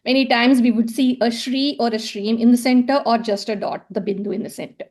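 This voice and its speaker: With a fairly high, steady and slightly mellow voice that runs a little fast, this South Indian conference presenter, a native Tamil speaker, talks through an academic slide presentation. Her delivery is hesitant, packed with fillers and repeated words.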